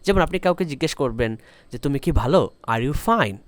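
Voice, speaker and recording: Man teaching spoken English slowly. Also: medium pitch, lively intonation, dry recording. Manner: explains slowly, repeating each example sentence in both languages.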